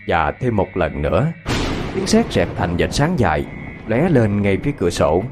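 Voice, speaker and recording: A man tells a scripted ghost story in a dramatic, expressive way. His voice sits low but moves widely, and soft music plays beneath his narration.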